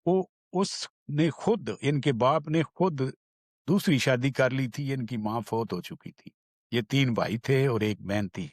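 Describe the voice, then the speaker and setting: A man from Pakistan, earnestly telling the story of his survival in an unhurried way. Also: medium pitch, no room sound, studio quality. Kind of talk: personal storytelling.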